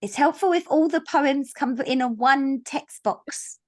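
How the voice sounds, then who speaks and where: This woman's voice sits high and has a darkish tone, and she takes her time. She runs an online book launch on a video call, bantering playfully, teasing listeners, and confessing she's a rule stickler. Audio is from her video call mic.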